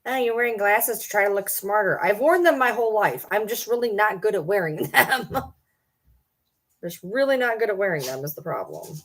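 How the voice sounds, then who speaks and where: A woman in her early forties chats casually on a live stream, rambling along and responding to viewer comments. Her voice is medium-pitched and animated, at a normal speed.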